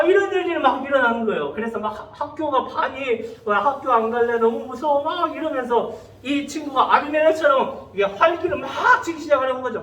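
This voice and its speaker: A young adult man giving a lively, storytelling youth sermon as a pastor, acting out the voices in his stories. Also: high voice, slight background noise. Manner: animated, acts out quoted voices. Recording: echoey church hall, from far off.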